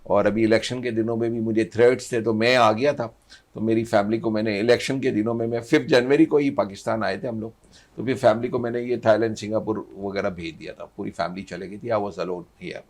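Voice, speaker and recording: A man's voice: lowish voice, steady tone. A middle-aged man, a talk show guest who rambles and slips English phrases into his speech. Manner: mixes English into Urdu, rambling. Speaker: studio guest. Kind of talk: casual chat.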